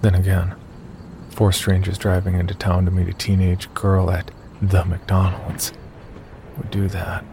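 In the first person, a man with a low, creaky voice reads a scripted horror story at a measured pace. His delivery is completely flat yet warm in tone, and night insects are clearly audible behind him.

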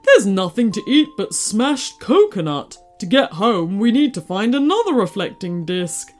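A woman's voice: medium pitch, sing-song, unhurried, soft background music. A woman voicing a small, brave male cotton dog who speaks urgently and emphatically.

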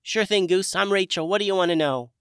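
A man doing a squeaky tiny wood sprite girl. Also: fairly quick, a bit bright, smooth, no room sound, clean studio sound. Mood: chirpy. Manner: squeaky, chirpy.

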